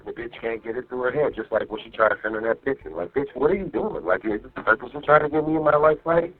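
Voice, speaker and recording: Over a muffled jail phone with faint music in the background, an inmate talks casually and crudely to his partner. He speaks at a medium pitch and a quick pace, rambling and repeating himself, tacking on "you know what I mean" to make sure he's followed.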